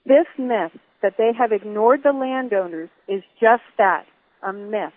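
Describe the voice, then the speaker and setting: A woman's voice: mid-range voice, a little slow. An older woman giving firm, emphatic public testimony at a hearing, heard over a telephone speaker. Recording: tinny phone line.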